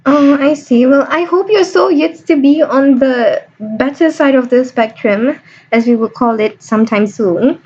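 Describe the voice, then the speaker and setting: Her voice high, mellow and husky, a little slow, this young woman hosts a student podcast. She's playful and dramatic, cracking jokes throughout the interview, and the home recording sounds dull and lo-fi.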